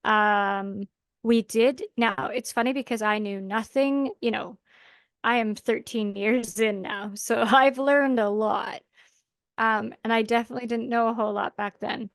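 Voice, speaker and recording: A Canadian woman co-hosts a podcast in a chatty, easygoing way, often breaking into laughter. Her voice sits a little high, and the recording is dry and close. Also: fairly even intonation, a little slow, no room sound. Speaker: podcast co-host. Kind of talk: casual podcast chat.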